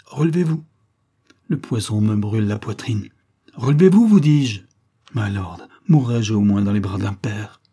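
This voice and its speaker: A man's voice: on the low side, level tone, normal speed, few pauses, mellow, husky. A man reading the part of a poisoned young man, urgent and pleading. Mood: desperate pleading.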